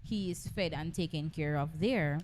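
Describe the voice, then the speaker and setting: A woman's voice: low-pitched, normal speed, darkish tone, a little hiss or hum. A young woman with a Jamaican accent, co-hosting a faith podcast in an earnest, preachy way, slipping into patois. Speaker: podcast co-host. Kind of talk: casual faith podcast chat.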